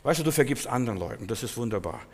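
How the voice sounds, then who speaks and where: A man preaching a sermon, swinging from quiet, slow confession to loud, pleading repetition. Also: medium pitch, animated, slightly rough. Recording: long hall reverb.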